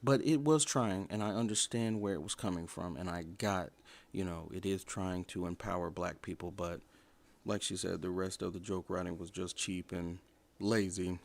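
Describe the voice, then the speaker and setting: A man's voice: low-pitched, steady tone, moderate pace, gravelly. A man in his twenties giving a casual livestream review in a blunt, opinionated, rambling way. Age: 20s. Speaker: show reviewer.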